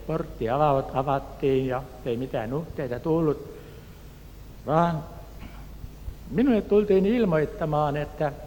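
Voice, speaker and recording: A man from Turku, Finland, telling a personal testimony in an earnest, unhurried way and acting out the voices of the people in his story. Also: a little high, darkish tone. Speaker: speaker giving a personal testimony. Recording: echoey hall, faint background noise.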